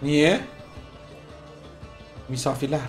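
A man from Turkey talks his way through a video game in a loose, crude, excitable manner, often bursting into shouts at what happens on screen. His voice sits a little high for a man. Faint game music runs underneath. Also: takes it slowly. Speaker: gamer streaming a playthrough. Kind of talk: casual Let's Play commentary.

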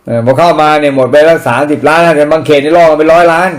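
A man's voice: on the high side, fairly even intonation, very fast. Blunt, profane man ranting. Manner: blunt, profane, mocking, uses crude slang. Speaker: political commentary host. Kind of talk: casual ranting commentary.

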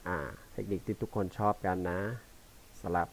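A man teaching bass, explaining notation loosely and haltingly between examples played on the instrument. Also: a little hiss or hum. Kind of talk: casual instructional talk between playing. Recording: quiet voice under loud bass playing. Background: loud electric bass playing.

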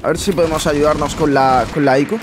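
A man's voice: a little high, fairly even intonation, fast, over music. A man giving casual, incredulous commentary over his own gameplay, muttering asides to himself. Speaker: gaming YouTuber.

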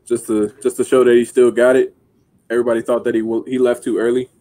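A man in his late twenties speaking at a medium pitch over a video call. He is easygoing and agreeable and laughs along with the others. It is a relaxed group conversation. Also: fast talker. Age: late 20s.

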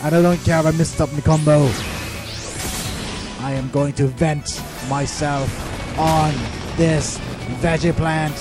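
A man thinking aloud over his video game in a rambling let's play commentary, full of fillers and pauses. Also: a little high, level tone, loud music behind the voice.

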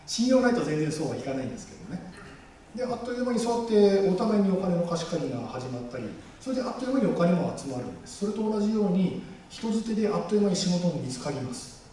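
A man giving a lively public speech to a live audience in a large hall, joking and acting out the voices he quotes. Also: high voice, quick pace, a little hiss or hum. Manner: animated, jokey, acts out quoted voices. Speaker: guest speaker at a campaign rally. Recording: echoey hall, mic far off.

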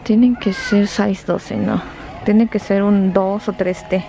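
This young woman, a vlogger, shops in a big indoor store and talks casually to her viewers and kids, holding the camera herself. She speaks slowly at a medium pitch, with little pitch movement and a creaky quality. The store around her is noisy.

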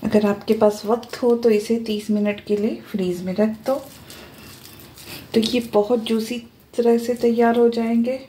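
A woman hosting a home cooking tutorial, calmly explaining each step as she goes. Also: a little high, unhurried, a little hiss or hum. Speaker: cooking channel host. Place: home kitchen.

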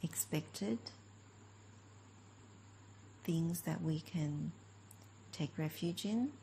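A meditation teacher with a mellow, low-sitting, creaky voice guides a meditation, giving slow instructions in short phrases separated by long pauses. She's gentle and unhurried, and the low-quality recording carries a little hiss or hum.

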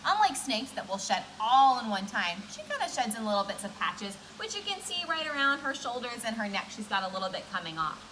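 A woman's voice: on the high side, very animated, fairly quick, hardly any pauses, bright, forceful tone, a little hiss or hum, rough recording. A woman in her twenties speaking as a cheery zookeeper, explaining things simply in an educational keeper talk for children. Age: 20s. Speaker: zookeeper presenting animal talks at a children's science center. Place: indoor room beside a reptile tank.

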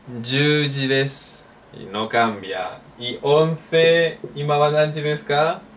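Slow-talking male language teacher. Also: a little high, animated. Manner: slow, repeats drill phrases, jokes and laughs. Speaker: Japanese teacher. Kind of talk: recorded language lesson. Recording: distant mic with faint noise.

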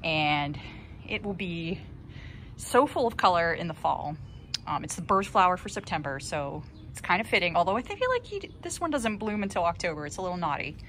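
Her voice is on the low side with a sing-song lilt and a fairly bright tone, at a moderate pace. She's a gardening vlogger in her thirties giving a casual, talkative garden tour outdoors, filmed on a handheld phone and sprinkled with cheerful asides. Ambient outdoor noise is present.

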